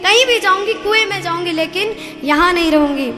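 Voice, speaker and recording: A woman's voice: extremely high pitch, fairly quick. A woman doing a jealous, agitated young wife. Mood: upset. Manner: agitated, complaining. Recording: reverberant hall with music.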